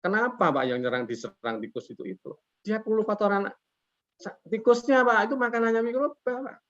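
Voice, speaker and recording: A man's voice: high-pitched, lively intonation, fairly quick, fairly bright tone. A man who is a guest expert on a webinar, explaining in a folksy way, asking himself rhetorical questions and politely addressing the host after nearly every phrase. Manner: poses rhetorical questions and answers them himself. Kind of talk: casual explanatory talk over a webinar call. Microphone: video call. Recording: lo-fi online call audio.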